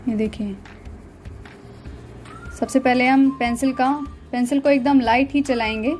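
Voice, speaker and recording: A high-pitched woman narrates a drawing lesson. She guides the viewer step by step, often pausing to point things out. Soft music plays faintly behind her voice. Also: steady tone. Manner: explains step by step with repeated "dekhiye" and "theek hai". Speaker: art teacher.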